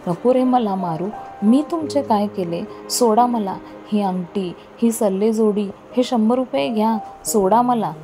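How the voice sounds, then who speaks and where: A woman reading an audiobook voices a proud, fearless village landlord, with soft music behind. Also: fairly high pitch, animated, normal speed, pitched above the performer's own voice, lightly acted. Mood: begging. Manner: dismissive, then pleading.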